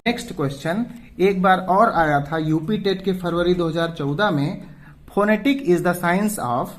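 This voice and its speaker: A male teacher giving an exam-prep lesson, putting questions to his class and answering them himself, drawing out example words slowly. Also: sits high. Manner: slow, drawn-out example words.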